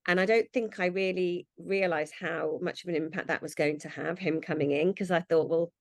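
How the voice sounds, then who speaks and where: Woman, low-ish voice, dry close mic; chatty founder telling her story. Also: steady tone, moderate pace, dry recording. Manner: chatty, acts out quoted thoughts. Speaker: brand founder, podcast guest. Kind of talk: casual interview chat.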